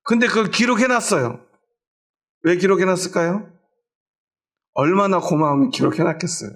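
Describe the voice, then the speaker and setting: A middle-aged man preaching in church with a high, gravelly voice. He keeps asking the congregation questions and then answers them himself, and he mixes homely everyday stories into the sermon. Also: normal speed, a bit bright. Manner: tells homely everyday stories to make his point. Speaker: pastor.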